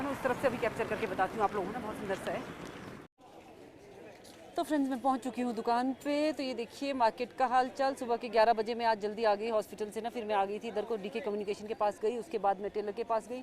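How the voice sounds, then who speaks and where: An Indian woman talks fast as she vlogs on a busy market street, her voice sitting a little high. She's chatty, repeats herself, and points things out to viewers in casual narration. It's shot on a phone camera with no external mic, so crowd noise and passing vehicles fill the background.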